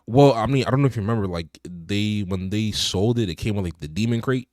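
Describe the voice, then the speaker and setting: Low-voiced laid-back young man. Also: a little fast, a little mellow, no echo, studio quality. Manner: laid-back, many fillers like "you know". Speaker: podcast co-host. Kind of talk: casual car chat.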